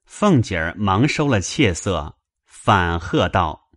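A man reads a classic novel aloud with a low, deep voice and a slow, unhurried pace. His pitch moves expressively across the lines, recorded dry and close. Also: very animated, fairly bright tone, no room sound. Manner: measured storytelling, also voicing male characters. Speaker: narrator. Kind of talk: dramatized novel reading.

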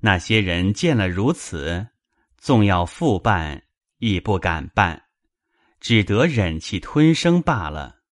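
A man narrating a classic novel in a measured dramatized reading, also taking the men's parts. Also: sits low, very animated, no echo, studio quality. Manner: measured storytelling, also voicing male characters.

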